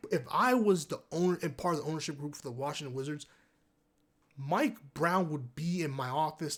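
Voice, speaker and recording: Male sports commentator, heated profane rant, repeats points, voice a touch high. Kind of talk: ranting basketball commentary.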